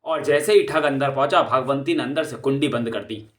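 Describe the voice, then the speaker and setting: A man narrating an audio comic story in a steady, expressive storytelling manner. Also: mid-range voice, brisk.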